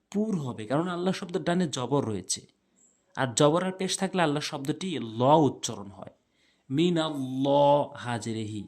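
A man teaching Quran recitation, spelling out letters and drawing out nasal sounds slowly. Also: fairly high pitch. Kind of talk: slow spelled-out recitation lesson.

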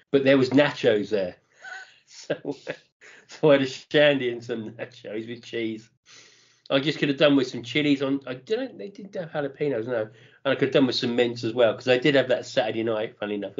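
A man's voice: medium pitch, a little fast. A middle-aged man, chatting casually as a podcast co-host and enthusing about food. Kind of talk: casual chat. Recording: dull lo-fi podcast audio.

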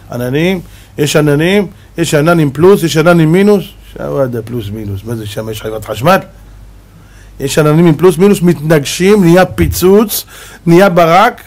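A male rabbi delivers a fiery Torah sermon in a fairly high voice. He keeps throwing rhetorical questions at his listeners. His delivery lurches between loud exclamations and quiet, low asides. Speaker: rabbi giving a Torah lesson. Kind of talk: animated sermon.

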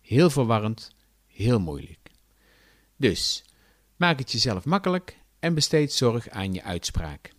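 A man from the south of the Netherlands with a southern Dutch accent, giving a clear, deliberate scripted lesson. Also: medium pitch, no echo, clean studio sound. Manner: clear, deliberate explanatory delivery with lively intonation. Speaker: language teacher. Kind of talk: scripted educational narration.

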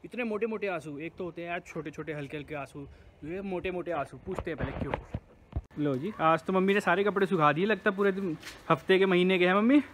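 A man's voice: high voice, fast, a bit bright, slight background noise. A young man chatting casually to his viewers in a vlog, talking straight to the camera and teasing the people around him. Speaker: vlogger.

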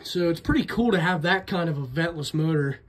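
A vlogger with a fairly high voice briskly narrates a homemade video about his ceiling fan collection. His talk is conversational and unscripted, rambling and chatty, full of a hobbyist's keenness.

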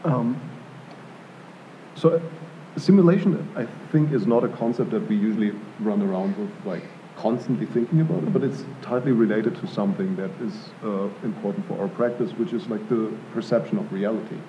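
A German artist in his thirties, with a fairly low pitch and brisk delivery, answers questions on an art gallery panel before a live audience. He's thoughtful and hesitant, with many fillers and restarts. A table mic on a stand captures dull, lo-fi live room sound with a little hiss or hum.

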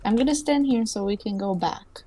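A young woman chatting while gaming, excitable and giggly, quick to plead and panic. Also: on the high side. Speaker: co-player. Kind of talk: casual gaming chat.

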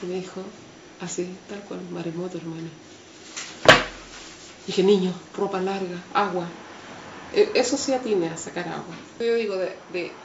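A Chilean woman talks with strong feeling as she tells her own story and slips into the voices of the people in it. She sits away from the mic in a roomy space. The sound is muffled, with steady noise underneath. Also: mid-range voice, far from the mic. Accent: Chilean Spanish. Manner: emotional, vivid storytelling that acts out the voices of others. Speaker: interviewee. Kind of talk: personal testimony.

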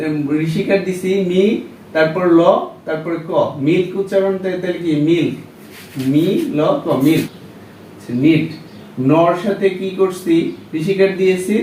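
A man's voice: high-pitched, fairly even intonation, normal speed, a little mellow, slight background noise. A man teaching a shorthand class, patiently walking through each step and asking his listeners questions as he writes. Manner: patient, repeats steps with quiz-like questions. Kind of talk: classroom lesson. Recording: echoey room, voice far from mic.

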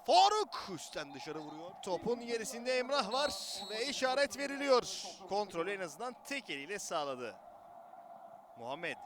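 A man doing excited live football play-by-play in speech, bursting into drawn-out screams on goals. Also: sits high. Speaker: football match commentator. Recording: noisy outdoor match recording.

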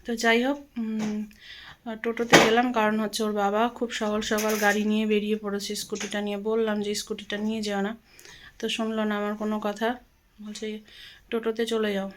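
A woman's voice: mid-range voice, monotone, slight background noise. A middle-aged woman from Bengal chatting casually in her home vlog, loose and rambling, a little out of breath. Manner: chatty, loose, with fillers and pauses. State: out of breath after walking. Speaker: vlogger.

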